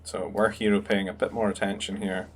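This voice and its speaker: A man's voice: on the low side, little pitch movement, brisk, a little hiss or hum. A young man commentating a strategy game match in a casual, musing way, thinking aloud with fillers. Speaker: game caster.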